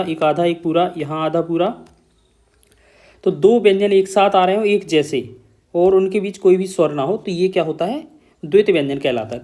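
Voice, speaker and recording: A man's voice: high-pitched, darkish tone. A man teaching an exam-prep grammar lesson, explaining step by step, repeating key terms and often checking in with his students.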